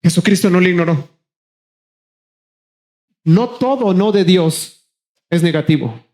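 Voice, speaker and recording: A man preaching a sermon as pastor, passionately calling to his congregation, rushing ahead in quick bursts and then slowing down hard for emphasis. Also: high voice, animated, a little mellow. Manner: impassioned, repeatedly addressing the congregation as brothers; shifts between rapid bursts and slow, drawn-out emphasis.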